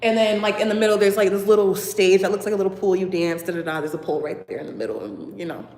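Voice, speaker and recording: A young woman from Boston telling a casual storytime, chatty and animated with lots of fillers. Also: mid-range voice, quick pace, reverberant, in a large hall. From Boston, USA. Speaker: vlogger.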